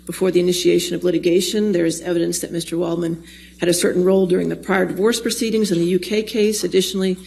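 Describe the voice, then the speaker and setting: A woman judge reads out a formal ruling in a noticeably creaky voice. Her intonation stays flat and procedural, and she sounds matter-of-fact throughout. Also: on the low side, quick pace, low-quality recording. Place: courtroom.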